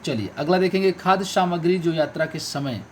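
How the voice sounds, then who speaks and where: A man's voice: a little high, expressive, brisk, slight background noise. Man teaching exam spelling, repeating answers. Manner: repeats each correct answer, stressing key words; addresses viewers as friends and companions. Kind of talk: online exam-prep lesson.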